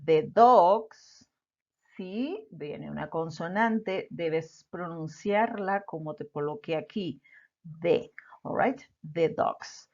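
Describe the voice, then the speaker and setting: A woman's voice: fairly low pitch, slow pace, creaky, darkish tone. A woman teaching an English lesson patiently, repeating example words and checking in with "all right?". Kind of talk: slow explanatory lesson. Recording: dull lo-fi recording.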